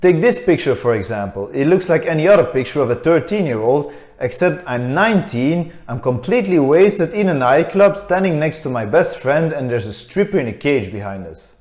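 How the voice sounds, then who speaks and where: A man's voice: fairly high pitch, lively intonation, normal speed, few pauses, a little mellow. A man in his thirties from Belgium, narrating his own story as a vlogger in a candid, matter-of-fact and self-deprecating way. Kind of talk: scripted personal narration. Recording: roomy echo.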